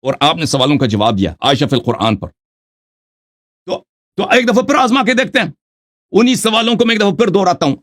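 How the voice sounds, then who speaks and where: Indignant man, lively pitch. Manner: indignant, demanding an apology; lecturing, repeats "right?". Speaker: religious debater. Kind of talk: heated live-call argument.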